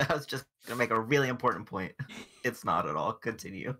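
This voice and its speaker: Male tabletop player, casual banter, very varied pitch, slight background noise. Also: lively intonation, normal speed, sharp tone. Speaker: tabletop role-playing player.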